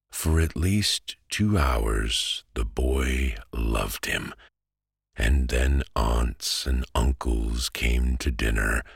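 A man with an extremely deep, husky voice reads a bedtime story to send listeners to sleep. He speaks slowly and soothingly in a hushed way, with a gravelly creak. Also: no room sound, studio quality. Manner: slow, calming, hushed delivery. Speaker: podcast host and sleep story narrator.

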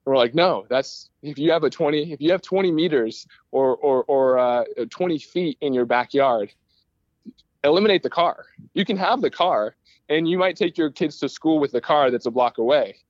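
As a guest in an interview, an aerospace start-up founder from Michigan in the United States talks at normal speed in a higher-pitched voice. He explains things in an eager, rambling, conversational way. The sound is lo-fi, with no room sound.

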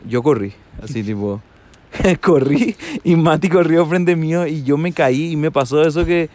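A man telling a story casually, halting and laughing at himself. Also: fairly high pitch, a little mellow.

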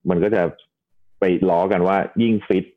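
Deep-voiced male doctor over a tinny line. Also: fairly even intonation, normal speed. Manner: patient, step-by-step explaining with polite particles. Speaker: doctor, podcast guest. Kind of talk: casual podcast explanation.

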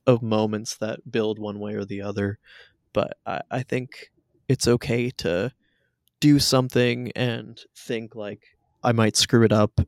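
A man's voice: fairly low pitch, vocal fry, dry recording, clean studio sound. A man hosting a casual podcast discussion, talking in a reflective, self-deprecating way, with music behind him. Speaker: podcast host.

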